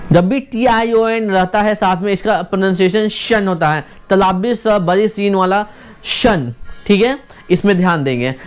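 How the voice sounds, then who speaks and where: A woman teaching English pronunciation in an online lesson, explaining in Hindi and slowly stretching out words to show their syllables. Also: lowish voice, clear, resonant tone. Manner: patient, repeats examples, counts down for guesses.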